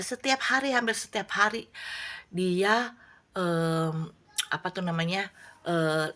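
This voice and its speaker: A woman with a somewhat low voice tells a devotional story in a relaxed, chatty way. She slips into the characters' voices as she goes, and her tone stays warm and conversational. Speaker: online devotional speaker.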